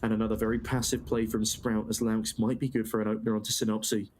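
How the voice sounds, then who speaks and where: A man's voice: fairly low pitch, level tone, fast talker, darkish tone, slight background noise. Male esports caster with florid play-by-play. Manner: florid, playful turns of phrase. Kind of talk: descriptive play-by-play esports commentary.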